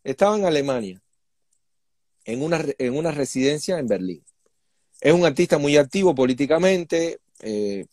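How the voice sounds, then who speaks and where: A Cuban human rights activist, appearing as an interview guest, explains things in an emphatic, indignant, conversational way. His fairly high, slightly mellow voice is recorded cleanly in the studio with no room sound.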